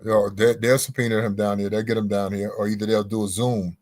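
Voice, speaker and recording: Deep-voiced man explaining slowly. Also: flat delivery, a little mellow. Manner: measured, explains step by step, repeats phrases for emphasis. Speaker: guest legal commentator. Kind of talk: podcast interview answers.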